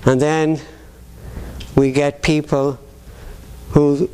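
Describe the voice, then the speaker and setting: Slow, deliberate male preacher. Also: a little high, little pitch movement, warm tone, clear, resonant tone. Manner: slow, deliberate, with halting restarts. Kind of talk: sermon.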